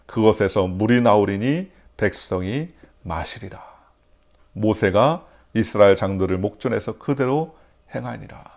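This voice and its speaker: A man preaching an early-morning sermon in a church, asking the congregation questions and answering them himself, swinging between loud emphatic lines and near-whispers. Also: fairly low pitch, animated, unhurried, creaky. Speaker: pastor.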